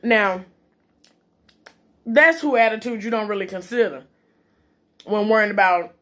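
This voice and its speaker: A woman's voice: mid-range voice, a little slow, fairly bright tone. A woman talking casually and bluntly in an opinionated, emphatic monologue, swearing freely and eating as she talks, her mouth sometimes full. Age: adult, parent. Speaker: vlogger giving relationship and parenting opinions. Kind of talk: casual chit-chat monologue.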